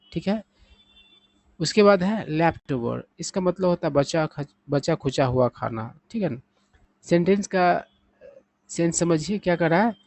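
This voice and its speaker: Male vocabulary teacher, slightly high pitch, dead-dry close mic, patient explaining. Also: no echo, low-quality recording. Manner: steady explaining, often adding "thik hai na?"; reads example sentences slowly and deliberately. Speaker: English teacher. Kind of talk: vocabulary lesson explained in Hindi.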